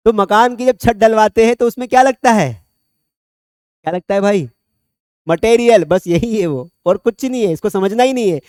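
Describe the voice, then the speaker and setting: A male teacher, his voice sitting high for a man, lectures a classroom in a dry, close-miked sound. He chats, jokes and calls on students by name between points. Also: expressive, normal speed, a little mellow, clean tone, dry recording. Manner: chatty, joking, quizzes students by name. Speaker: English teacher.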